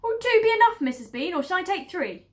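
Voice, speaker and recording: A woman voicing a big, loud middle-aged housemaid who talks eagerly and gossips. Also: very high voice, big pitch swings, fast talker, pitched above the performer's own voice.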